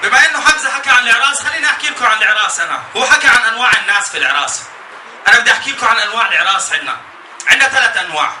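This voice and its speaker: A man with a Jordanian accent doing stand-up comedy as an animated, escalating rant, telling stories and acting out bits. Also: extremely high pitch, rapid-fire. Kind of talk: stand-up comedy about weddings. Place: live comedy show before an audience. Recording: echoey live venue, distant, noisy laughing crowd.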